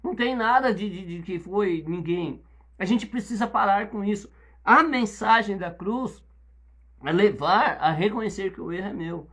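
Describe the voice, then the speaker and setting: Lively Brazilian man preaching a sermon. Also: high voice, moderate pace. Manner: lively, conversational preaching with rising emphatic outbursts. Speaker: pastor.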